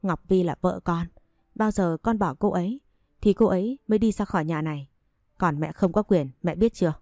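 A woman's voice: on the low side, moderate pace, dark tone, no room sound, clean studio sound, close to an everyday voice. A woman reading as a firm protective young husband. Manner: resolute, defiant.

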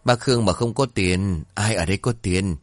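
A man voicing a greedy tavern landlady who eagerly flatters a paying customer. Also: lowish voice, normal speed, dry recording, studio quality, close to an everyday voice. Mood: fawning. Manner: fawning, eager. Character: greedy, fawning middle-aged tavern landlady.

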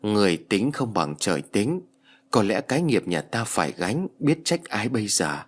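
A man's voice: fairly low pitch, very animated, normal speed. A man voicing a grieving, stern old mother-in-law in an audiobook ghost story. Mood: lamenting. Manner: heavy, lamenting storybook dialogue.

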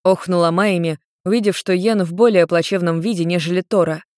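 A woman reading a fantasy story aloud as narrator, in an even, clear reading. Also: on the low side, fairly quick, dry recording, studio quality.

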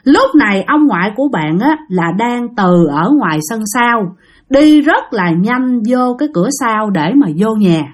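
A woman's voice: a little high, lively intonation, a little slow. A woman narrating a ghost story in a chatty way, addressing her listeners directly.

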